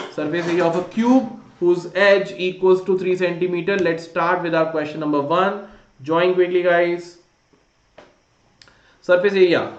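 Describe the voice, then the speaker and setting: A man's voice: sits high, a little mellow. A man with an Indian accent teaching a live online quiz class, informally urging students on and mixing Hindi phrases into his English. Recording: dull, roomy, echoey sound.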